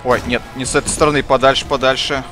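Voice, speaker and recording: A man's voice: mid-range voice, level tone, fast. A man giving casual gameplay commentary with short offhand exclamations and muttered asides. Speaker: gamer commentating a playthrough. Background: game music and fight sounds.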